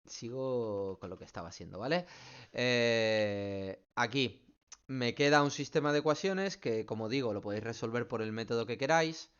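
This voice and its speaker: A man's voice: medium pitch, expressive, moderate pace, fairly bright tone, clear, resonant tone, muffled recording. A man, a math teacher working through student questions in an online class, explaining step by step and checking in often. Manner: patient, explains step by step, keeps checking with "¿vale?".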